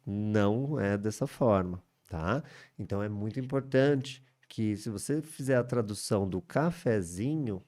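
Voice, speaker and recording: Brazilian English teacher, male, mellow dark tone, chatty tag-question delivery, lively intonation. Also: fairly low pitch. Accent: Brazilian Portuguese. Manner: lively, rising intonation with frequent "né?" and "tá?" tags. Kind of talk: teaching English in a video lesson.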